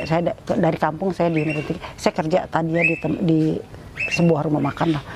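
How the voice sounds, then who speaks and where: A middle-aged woman giving an emotional personal testimony in an interview, her voice rising high when she is moved. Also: slight background noise.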